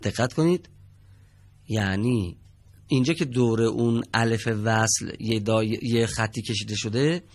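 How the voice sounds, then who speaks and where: A man teaching Quran reading in a televised studio lesson. He quizzes his students patiently and stretches out each example word slowly. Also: mid-range voice.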